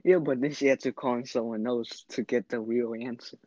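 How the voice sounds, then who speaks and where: A young man co-hosting a casual podcast, speaking in a tired, halting way as he tells stories. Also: mid-range voice, steady tone, dark tone, no echo, dull audio. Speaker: podcast co-host. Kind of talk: casual chat.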